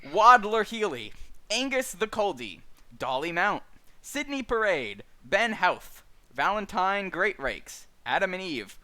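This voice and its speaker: A man hosting a streamed book club, reading a list of names and chatting casually with lots of fillers and dry asides. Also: high voice. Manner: lively, halting with many fillers, dry asides. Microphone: streaming mic.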